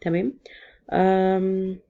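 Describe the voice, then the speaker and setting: Gravelly Egyptian woman explaining casually. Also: medium pitch, monotone, slow pace, phone-quality sound. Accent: Egyptian Arabic. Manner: chatty, code-switches into English. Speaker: exam prep teacher. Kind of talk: casual explanatory vlog lesson.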